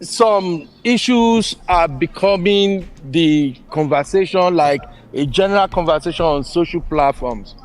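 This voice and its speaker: A man's voice: on the high side, unhurried, hardly any pauses. A middle-aged man with a Nigerian Yoruba accent in casual discussion, speaking emphatically and repeating words for stress.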